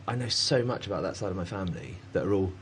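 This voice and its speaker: Male artist, lowish voice, halting rambling chat. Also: expressive, slight background noise. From Cornwall, England. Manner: rambling and hesitant, many fillers, laughs often. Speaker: artist guest. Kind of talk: casual conversation.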